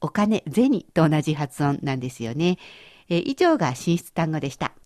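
A woman teacher explains vocabulary on a radio language lesson, patient and careful as she breaks each word down. Her voice sits a little low but swings widely in pitch. The studio sound is close and dry. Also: very animated, normal speed, mellow, no room sound.

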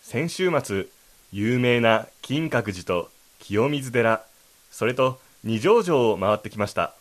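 A man's voice: medium pitch, expressive, slow pace. A man co-hosting a language lesson, explaining and rephrasing lines in a polite, explanatory manner. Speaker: co-host.

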